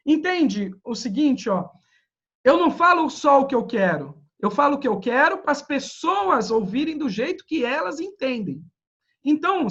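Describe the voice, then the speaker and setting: A man with a Brazilian accent giving an online lecture on public speaking, talking straight to his audience and acting out quoted dialogue. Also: very high voice. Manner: lively, addresses audience directly, acts out quoted dialogue. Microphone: video call. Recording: dull lo-fi video call audio.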